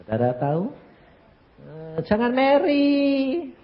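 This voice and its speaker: A man's voice: very high voice, very animated, takes it slowly, big-room sound, highs cut off. A man in his eighties with a Javanese accent, preaching a testimony-style sermon and telling stories animatedly, with sound effects. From Central Java, Indonesia. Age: 80s. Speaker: evangelist preacher.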